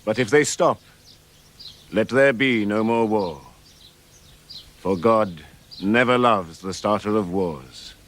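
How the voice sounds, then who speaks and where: A solemn proclaimer of revelation. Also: male voice, on the high side, lively intonation, measured pace, long pauses, sharp tone. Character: solemn grown man reciting revelation. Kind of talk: film drama.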